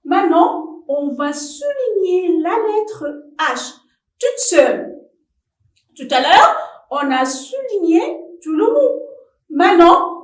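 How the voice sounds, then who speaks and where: A woman teaching a televised primary school French lesson, speaking slowly and deliberately to young pupils. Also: very high-pitched. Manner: slow, deliberate, addresses young pupils warmly. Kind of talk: slow televised classroom lesson. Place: classroom or studio for televised distance teaching. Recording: roomy echo, voice from a distance.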